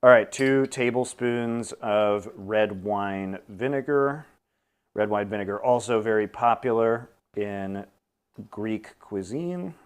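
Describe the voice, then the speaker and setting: A man's voice: fairly low pitch, takes it slowly, clean tone. A man hosting a casual cooking stream, explaining each step aloud with dry, teasing humor. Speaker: cooking show host.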